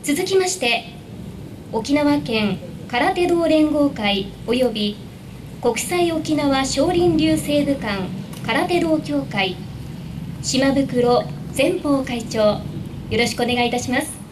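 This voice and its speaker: A woman's voice: high voice, expressive, slow pace. A woman making formal ceremonial announcements as an event announcer at an outdoor stage. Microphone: stand microphone, recorded from afar. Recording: distant, noisy outdoor event recording.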